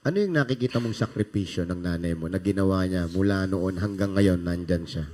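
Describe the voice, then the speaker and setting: A man hosting a TV variety show, asking halting, probing interview questions. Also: low-pitched, dark tone.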